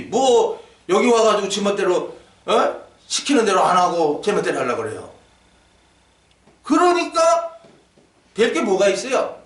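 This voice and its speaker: Lively older male pastor preaching. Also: high voice. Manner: lively, asks the congregation questions, jokes. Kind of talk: sermon. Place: church sanctuary. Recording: echoey church hall, mic at a distance.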